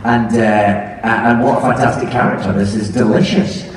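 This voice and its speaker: A man speaking as a guest on a live panel, animated and halting with many restarts. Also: on the low side, background noise. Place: large arena theatre with live audience. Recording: echoey arena from far off, crowd.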